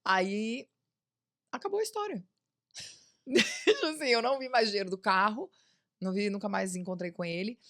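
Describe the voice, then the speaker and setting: A woman's voice: mid-range voice, lively intonation, moderate pace, pauses often, fairly bright tone. A woman tells a personal story as a podcast guest on a studio mic. She acts out the voices of the people she quotes. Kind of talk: casual storytelling.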